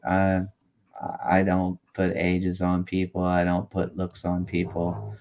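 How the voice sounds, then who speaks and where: A man in his late fifties with a very deep voice talks in casual, rambling chat. He swears freely as he goes. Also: completely flat delivery, slow, darkish tone. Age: late 50s. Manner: rambling, profane.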